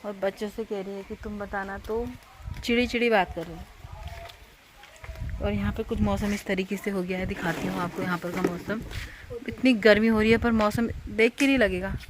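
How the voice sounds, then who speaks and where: A woman's voice: medium pitch, steady tone, moderate pace, noisy background. A woman in her thirties chatting to viewers in a casual home vlog, recorded outdoors at a village home. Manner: chatty, addresses viewers directly. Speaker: vlogger.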